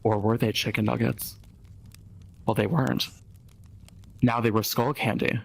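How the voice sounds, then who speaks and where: A man's voice: mid-range voice, fairly even intonation, unhurried, creaky, husky, poor audio. A man hosting a comedy show, telling a silly story in a goofy, mock-dramatic way. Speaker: host. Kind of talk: joking storytelling.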